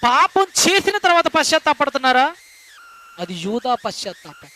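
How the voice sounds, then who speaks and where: A man's voice: extremely high pitch, big pitch swings, normal speed, bright, forceful tone. A male pastor preaching a sermon, speaking emphatically and asking the congregation rhetorical questions. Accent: Telugu.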